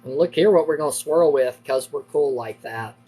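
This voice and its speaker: A middle-aged woman tells family stories to her livestream viewers while she works on a craft project. Her voice sits a little low, and she talks in a casual, lively way, jumping up in pitch when she acts out other people. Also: moderate pace, slightly rough. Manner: lively, acts out quoted family members with big pitch jumps.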